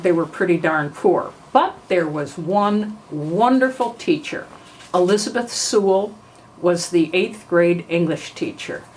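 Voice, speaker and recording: An older woman from New York telling family memories in an unhurried way, often clearing her throat. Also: lowish voice, a little hiss or hum, low-quality recording. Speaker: family memoir narrator. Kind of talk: reminiscing oral history.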